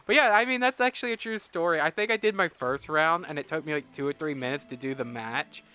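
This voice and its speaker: A man's voice: a little high, fast, sharp tone, clear, resonant tone, faint music behind. A young man doing casual, profane let's play commentary, rambling through stories. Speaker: gaming video host.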